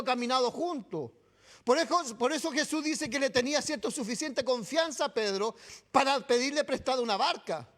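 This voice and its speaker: Chilean male pastor, very high voice, sermon, keeps checking in with the congregation. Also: fairly bright tone. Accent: Chilean Spanish. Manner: keeps adding "¿cierto?" and "amado" to address the congregation. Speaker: preacher. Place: church.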